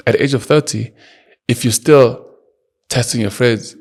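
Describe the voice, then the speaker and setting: A man in his early thirties gives a solo motivational podcast monologue, lecturing emphatically and directly to his listener. His mid-range voice is a little mellow with a breathy edge, and he moves at a moderate pace.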